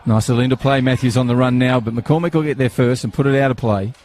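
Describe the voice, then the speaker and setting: A man's voice: medium pitch, fairly even intonation, fast talker, darkish tone, slight background noise. A man, commentating live on a football match outdoors, chatty and rambling, with banter and fillers.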